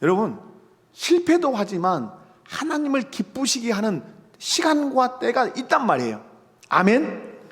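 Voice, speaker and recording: Lively Jeolla-accented pastor preaching. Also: male voice, extremely high pitch, unhurried. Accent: Jeolla Korean. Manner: rhetorical questions, prompting the congregation to answer. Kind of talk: sermon. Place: church sanctuary. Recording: long church hall reverb.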